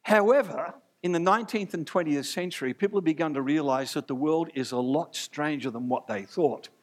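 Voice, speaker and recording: A scholarly English philosophy professor, put on by a man speaks in a measured, lecturing tone. The English accent is clear, and the voice sits a little high. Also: natural voice.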